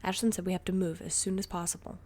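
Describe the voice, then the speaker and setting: A woman voicing an excitable, defiant teenage boy borrower who talks loudly and breathlessly in a storybook reading. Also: lowish voice, fast, breathy edge. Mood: urgent. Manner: loud, breathless and emphatic.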